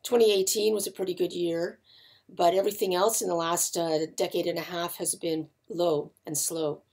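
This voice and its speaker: A middle-aged woman with a growly, gravelly voice, giving unscripted market commentary in an explanatory, halting way with pauses. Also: lowish voice, level tone, darkish tone. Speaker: market analyst and host. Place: indoors, seated before a patterned backdrop.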